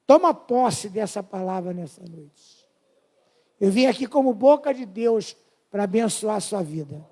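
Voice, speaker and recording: High-voiced fervent preacher in his fifties. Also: animated, unhurried, warm tone. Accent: Brazilian Portuguese. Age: 50s. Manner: fervent, pleading with the congregation. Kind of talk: sermon testimony.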